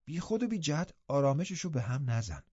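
A man voicing a kindly, patient middle-aged housekeeper woman who speaks gently and reassuringly. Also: on the high side, sing-song, slightly rough, no echo, lo-fi sound. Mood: soothing, firm.

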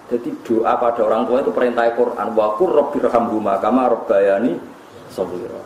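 A man's voice: fairly low pitch, echoey room, slight background noise, poor audio. A man with a Javanese accent giving a humorous religious lecture, mixing joking asides with recited Arabic. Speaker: preacher.

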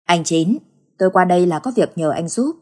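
A woman's voice: on the low side, animated, fairly quick, darkish tone, slightly rough. A woman voicing a weary, helpless grandfather who pleads for help. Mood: weary pleading.

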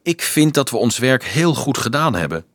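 A man's voice: mid-range voice, normal speed, no echo. A man voicing a mocking, worldly young male student in an audiobook. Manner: mocking, animated.

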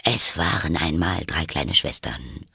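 A man reading a storybook aloud, voicing a sleepy, grumbling dormouse who tells a story slowly. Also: sits low, animated, gravelly, bright, forceful tone, husky, no room sound, clean studio sound, exaggerated voice. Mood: drowsy. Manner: slow, drowsy, grumbling.

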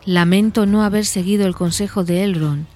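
A woman's voice: medium pitch, fairly even intonation, moderate pace, darkish tone, soft background music, natural voice. A woman voicing Pippin, a young male hobbit, fretful and frightened.

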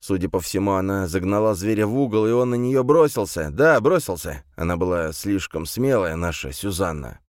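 A man's voice: deep voice, animated, normal speed, hardly any pauses, no echo, studio quality, pitched above the performer's own voice. A man doing a weary, repetitive country gendarme. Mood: admonishing. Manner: repeats himself, mechanical and admonishing. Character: weary middle-aged male gendarme, repetitive and fussy.

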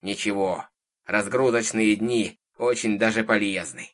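A man voicing a gruff, bossy old witch woman who talks hoarsely and grumbles, in a storybook reading. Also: lowish voice, normal speed, a bit bright. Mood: scolding. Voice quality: hoarse, cawing like a crow. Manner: domineering, grumbling.

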